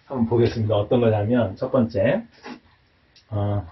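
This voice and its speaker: A man's voice: fairly low pitch, fairly even intonation, moderate pace, a little hiss or hum. A man teaching English pronunciation at a whiteboard, talking hesitantly with many fillers and tag questions. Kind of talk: whiteboard lecture. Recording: dull, distant mic.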